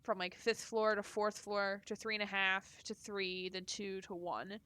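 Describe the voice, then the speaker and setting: A woman's voice: mid-range voice, flat delivery, moderate pace, bright, forceful tone, smooth. A woman streamer chatting casually and rambling while playing and reading a game. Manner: chatty, rambling, laughs often. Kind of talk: casual live-stream chat.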